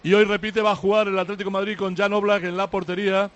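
A man giving an energetic, emphatic team lineup report on live radio. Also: high-pitched, fast talker, highs cut off. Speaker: football reporter.

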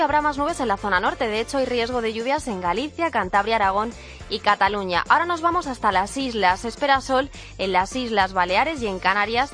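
Higher-pitched Spanish weather woman. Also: a bit bright. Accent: Castilian Spanish. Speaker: radio weather presenter. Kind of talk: scripted weather report.

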